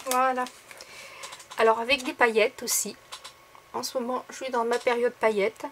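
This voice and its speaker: A woman's voice: on the high side, flat delivery, moderate pace, fairly bright tone, slight background noise. Chatty woman showing craft stickers. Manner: chatty, many fillers and little asides to viewers. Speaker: craft vlogger. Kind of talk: casual haul video.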